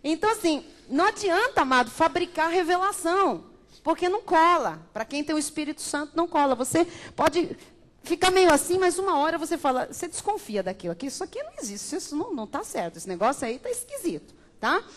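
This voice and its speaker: High-voiced woman preaching. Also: sing-song, fast talker. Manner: emphatic, addresses listeners as beloved. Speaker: pastor. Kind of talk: Bible study sermon.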